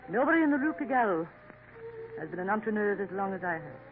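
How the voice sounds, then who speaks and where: A woman's voice: mid-range voice, very animated, fast talker, soft background music, close to an everyday voice. An actress in a 1950s radio drama playing a scheming, worldly Parisian café woman who coaxes and drops French endearments. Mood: sly. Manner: coaxing, knowing, sprinkles in French endearments. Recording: tinny old radio broadcast with faint hiss.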